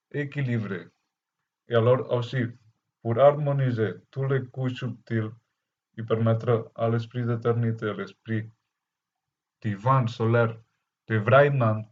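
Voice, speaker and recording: Man, lowish voice, foreign Spanish-Catalan accent, non-native speaker, halting, searching for words, spiritual message, dull lo-fi recording. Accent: Spanish or Catalan accent in French. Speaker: spiritual teacher. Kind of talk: unscripted spiritual message to camera. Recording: dull, lo-fi muffled sound.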